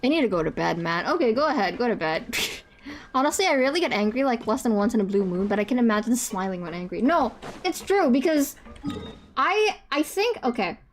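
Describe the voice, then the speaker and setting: Chatting casually on a live reaction stream, a young adult non-binary streamer with a higher-pitched voice stammers and restarts, laughs a lot and swears freely. Their pitch swings widely, they talk fairly quickly, and there's slight background noise.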